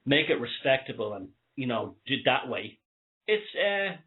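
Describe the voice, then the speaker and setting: An Irish man hosts a talk show in a loose, opinionated monologue. His breathing is wheezy and short, as in an asthma flare-up, and he leans on key words while keeping a conversational manner. His voice sits at an average male pitch, and the sound is thin and narrow like a phone line. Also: very animated, moderate pace.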